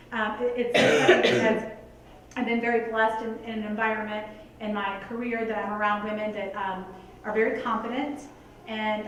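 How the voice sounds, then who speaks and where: A woman's voice: fairly high pitch, slight background noise. A woman giving a motivational talk to a live audience, earnest and conversational, full of "like" and "you guys". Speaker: motivational speaker. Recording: echoey hall picked up from a distance.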